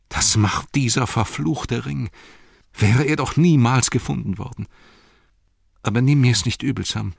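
A man's voice: rumbling low, creaky, a bit bright, slightly rough, no echo, studio quality, full character voice. A man voicing a tormented young male hobbit in an audiobook, strained and torn between frenzy and regret. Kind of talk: audiobook character voice.

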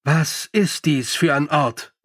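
A brisk young woman sergeant in an audiobook, as a male reader puts her on, handing out orders crisply and expecting them done. The delivery is firm and matter-of-fact, in a fairly high male reading voice. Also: fairly bright tone, no room sound, clean studio sound. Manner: brisk, commanding.

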